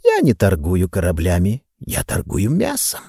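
A man's voice: low voice, huge pitch swings, unhurried, gravelly, dark tone, husky, no echo, studio quality, voice pushed down, exaggerated voice. A man reading an audiobook, voicing a cunning old male slave trader with a sly, ingratiating manner.

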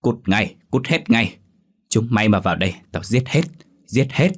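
A man's voice: fairly low pitch, animated, normal speed. A man voicing a vengeful ghost that has possessed a girl, snarling threats in a horror story. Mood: menacing. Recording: faint music behind.

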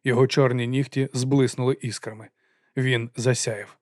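A man narrating an audiobook in a calm, even reading voice. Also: medium pitch, moderate pace, dry recording, studio quality.

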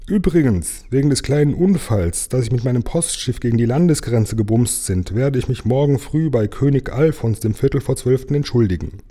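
A man's voice: fairly low pitch, normal speed, hardly any pauses, mellow, breathy edge. A man reading aloud, voicing an apologetic, slightly plaintive mail carrier in a children's story. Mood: plaintive, polite. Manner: apologetic, anxious.

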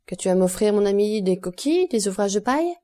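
A woman's voice: medium pitch, animated, fast, mellow, lightly acted. A woman voicing a grave, generous male nobleman and former sailor in an audiobook, speaking solemnly and earnestly. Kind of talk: audiobook character voice.

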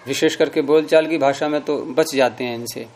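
Man teaching grammar, patient, repeats stuff slowly, bit of background hiss. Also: mid-range voice, steady tone, a little mellow. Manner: patient, repeats forms slowly and explains step by step. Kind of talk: classroom lesson explaining grammar rules.

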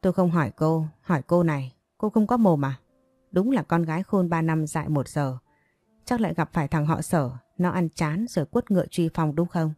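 A woman's voice: sits low, normal speed, dark tone, dry recording, soft background music. A woman voicing a contemptuous older woman doctor who lectures scornfully.

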